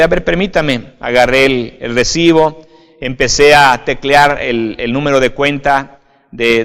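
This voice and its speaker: A pastor delivers an informal video sermon in a clear, resonant, somewhat bright mid-range voice, speaking conversationally. He often checks in with the listener, adding "right?" and addressing them as "usted", while a long hall reverb trails his words.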